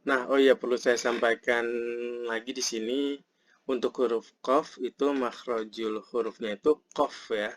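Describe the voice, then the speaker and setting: A man with an Indonesian accent teaching a Quran recitation lesson, explaining each verse patiently and reciting it slowly. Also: medium pitch, steady tone, no room sound.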